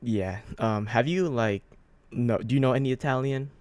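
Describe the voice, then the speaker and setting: A man's voice: medium pitch, normal speed, darkish tone, no echo. A man hosting a casual interview, asking rambling questions with lots of fillers and restarts. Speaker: host, interviewer.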